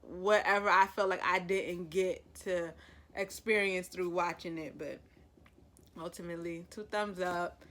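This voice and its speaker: A woman vlogger giving her opinions on a series in an animated, chatty, opinionated way. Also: on the low side, measured pace. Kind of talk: casual review chat.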